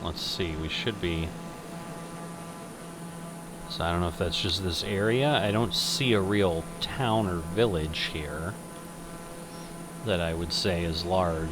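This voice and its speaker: Here the older man's low voice comes through a noisy background while he casually talks over a flight simulator game. He thinks aloud and keeps correcting himself mid-thought.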